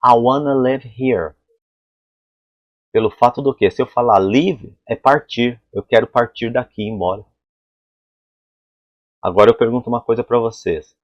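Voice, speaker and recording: A man's voice: mid-range voice, steady tone, fairly quick, long pauses, no room sound, lo-fi sound. A man teaching an English pronunciation lesson at a board, explaining sounds and asking the class rhetorical questions. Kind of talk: whiteboard phonetics lesson.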